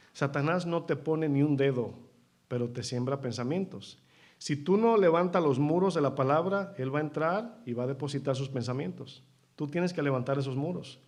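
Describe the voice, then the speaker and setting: A man's voice: mid-range voice, darkish tone. Man, pastor, church sermon, questions to the congregation, acted-out dialogues. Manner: asks the congregation questions, calls them brothers; acts out short dialogues in changed voices.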